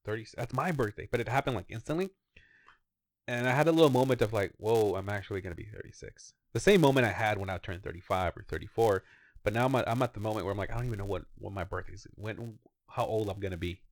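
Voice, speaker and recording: A low-voiced man in his thirties talks at a quick pace while co-hosting a laid-back podcast, rambling easily and cursing now and again. The sound is dry and cleanly studio-recorded.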